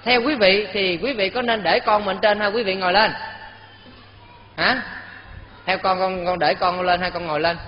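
A man's voice: sits high, normal speed, long pauses. A man with a Southern Vietnamese accent, a Buddhist teacher telling a parable in a sermon and keeping the audience involved with questions. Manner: lively, keeps quizzing the audience. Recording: dull sound in a reverberant hall.

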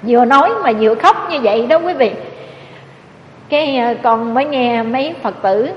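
A woman's voice: on the high side, normal speed, a little hiss or hum. A Buddhist nun, preaching a sermon with emotive storytelling and often addressing her listeners directly. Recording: echoey hall, dull lo-fi sound.

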